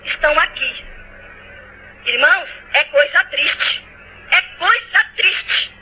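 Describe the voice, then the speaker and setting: Fervent high-voiced Brazilian woman testifying. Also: expressive, slow. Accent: Brazilian Portuguese. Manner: fervent, tearful at times, repeats phrases, often addresses "brothers". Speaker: church testimony speaker. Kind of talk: emotional testimony sermon. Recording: dull lo-fi recording.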